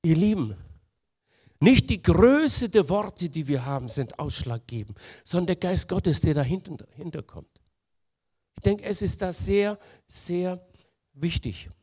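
A man preaching a sermon, earnest, moving between quiet, soft passages and emphatic, louder lines. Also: high-pitched, sing-song, measured pace, breathy edge.

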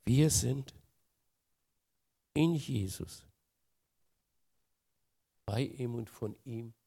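A man preaching a sermon, earnest, moving between quiet, soft passages and emphatic, louder lines. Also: medium pitch.

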